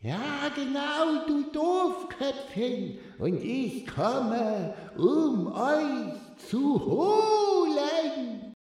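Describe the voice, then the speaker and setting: A spooky ghost floats through a lighthouse in a children's audio story, uttering slow, drawn-out threats in a high, swooping voice. The voice rings in heavy echo with a long reverb tail. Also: male voice, very animated, a little mellow, exaggerated voice. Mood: menacing. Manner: slow, drawn-out menacing threats with eerie laughter.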